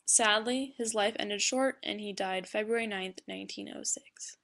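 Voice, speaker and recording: A woman's voice: mid-range voice, normal speed, gravelly, fairly bright tone. A young woman reading a class presentation aloud from a script, with small slips and fillers. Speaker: student presenter.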